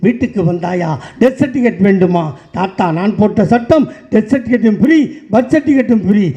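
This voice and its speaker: Male political speaker, high but mellow voice, delivers a stage speech in mocking rhythmic refrains, on a dull lo-fi recording. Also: brisk. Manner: rhythmic sarcastic refrains, rising to shouts.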